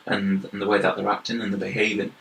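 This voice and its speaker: In an echoey, roomy recording, a young man from York with a Yorkshire accent chats as an interview guest, earnestly describing his health and wellbeing manager role in depth. His voice is lowish, flat, quick, creaky and fairly bright, and he tends to repeat words.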